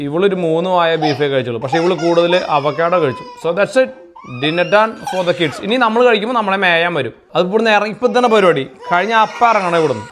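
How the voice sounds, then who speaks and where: A woman's voice: on the low side, animated, a little fast, slight background noise. A woman vlogger chatting casually with her family and narrating a home recipe, mixing English words into her talk. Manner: chatty, mixes English into Malayalam. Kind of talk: casual vlog chat and cooking narration. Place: home kitchen and dining area.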